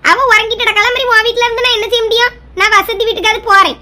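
A woman's voice: very high-pitched, steady tone, very fast, bright, forceful tone, exaggerated voice. A woman with a Kanyakumari Tamil accent playing a complaining mother-in-law who nags in a comedy skit. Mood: scolding. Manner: nagging and self-pitying. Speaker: skit performer.

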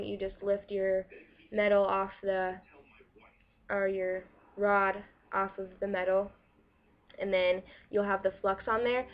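A young adult welding student presents her school project explainer to a webcam in front of her, in a small indoor room against a plain wall. She speaks casually at medium pitch, with many ums and restarts. The webcam audio is dull and lo-fi.

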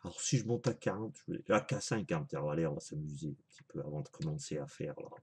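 A man's voice: very deep voice, animated, fast talker, darkish tone, a little hiss or hum. A man in a casual home video review, chatty and apologetic, thinking aloud with lots of fillers as he shows products. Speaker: vaping vlogger.

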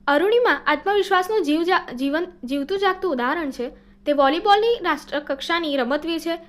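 A woman teaching by reading workbook answers aloud in a steady, explanatory way, now and then correcting a slip. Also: very high voice, a little fast.

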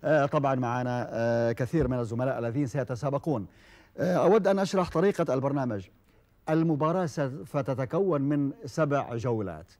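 A man hosting a televised quiz show, formal and measured, with frequent hesitation fillers. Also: medium pitch, a little mellow. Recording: old television broadcast recording.

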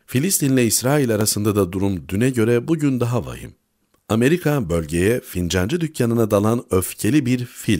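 A man reading a newspaper opinion column aloud in a measured way, letting each sentence drop low at the end. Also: a little mellow.

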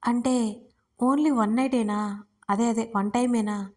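A woman's voice: a little high, steady tone, slow, a little mellow. A woman voicing a chatty, prying young woman who teases her best friend in an audiobook romance. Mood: teasing. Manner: chatty, prying, playfully mischievous. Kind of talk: audiobook character reading.

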